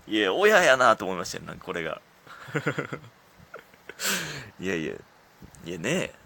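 Chatty Kansai man, lively pitch. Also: vocal fry, breathy edge. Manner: chatty and self-deprecating, laughs often at his own stories. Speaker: comedian hosting his own talk show. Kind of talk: casual solo radio talk.

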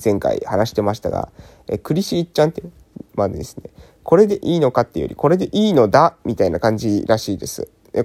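A man hosting a solo morning talk show, hoarse from just having woken up, speaking politely with many hesitant fillers. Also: lowish voice, warm tone. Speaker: podcast host.

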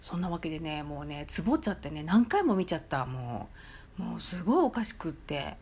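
A woman with a Nagoya accent chats casually on her solo podcast, her pitch bouncing lively up and down. She drops in frequent soft fillers and sounds amused. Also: a little fast, a little hiss or hum. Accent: Nagoya dialect. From Nagoya, Japan. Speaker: podcast host.

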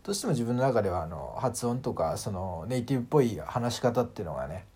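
A man hosting a casual solo audio talk, animated and full of fillers, acting out sounds as he explains. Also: medium pitch, fast, breathy edge. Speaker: podcast host.

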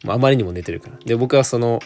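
A man's voice: mid-range voice, racing, a little mellow, a little hiss or hum. A young man, telling a work story in a chatty solo monologue full of asides. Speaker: solo podcaster. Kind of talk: casual monologue.

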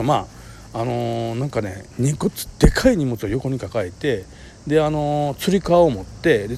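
A man's voice: fairly high pitch, noisy background. A man in his forties with a Kansai accent, hosting a solo talk show, telling a story with vivid sound words and self-mocking humor. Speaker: podcast host.

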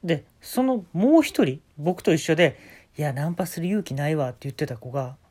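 Deadpan Kansai man telling absurd stories. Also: fairly quick. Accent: Kansai Japanese. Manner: deadpan telling of absurd tales with sudden pitch jumps. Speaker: talk show host. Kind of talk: casual storytelling monologue.

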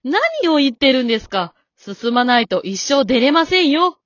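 A woman's voice: high-pitched, very animated, normal speed, no room sound. A woman voicing a stern, composed elderly wife in an amateur radio drama, polite and cool with a scolding edge. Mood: calm. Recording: dull dry lo-fi recording.

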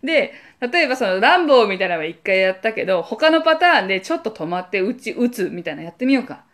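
A woman's voice: mid-range voice, very animated, fast talker, fairly bright tone. A woman speaking, co-hosting a podcast and telling a story in casual chat, acting out voices and sound effects as she goes. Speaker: podcast co-host.

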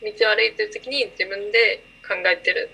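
A woman's voice: medium pitch, normal speed, creaky, sharp tone, slight background noise. A woman co-hosting a casual chat, telling things in an informal, rambling way. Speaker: podcast co-host.

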